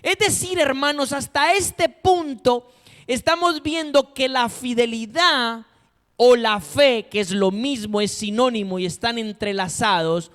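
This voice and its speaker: A man's voice: very high voice, measured pace, fairly bright tone. A man preaching a sermon in a dramatic, emphatic way, asking his congregation rhetorical questions. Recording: long reverb of a hall.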